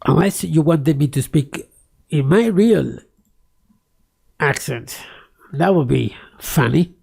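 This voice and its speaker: Speaking slowly but with animation, this non-native English-speaking tech YouTuber rants through a casual screen-recording commentary, restarting often and filling gaps. His slightly high voice is gravelly and mellow with a breathy edge, and it's close-miked.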